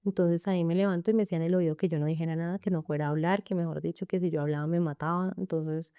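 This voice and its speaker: A woman's voice: fairly low pitch, steady tone, very fast, warm tone, clear, resonant tone, dry recording. A woman with a Colombian accent earnestly recounting her own story in an interview, speaking in long run-on sentences and often quoting what others said. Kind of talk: emotional personal testimony in an interview.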